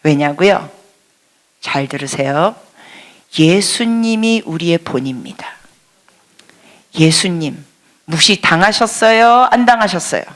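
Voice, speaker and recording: A woman's voice: low voice, animated, slow pace, pauses often. A woman missionary preaching a sermon in church, quizzing the congregation and dropping to a whisper for emphasis. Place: church service before a congregation.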